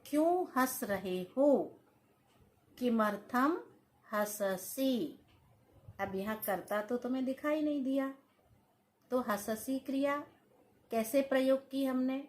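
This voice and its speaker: A woman's voice: high-pitched, takes it slowly, long pauses, a little mellow. A woman teaching a Sanskrit grammar lesson, dictating sentences word by word and stretching each word. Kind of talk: slow classroom-style grammar lesson.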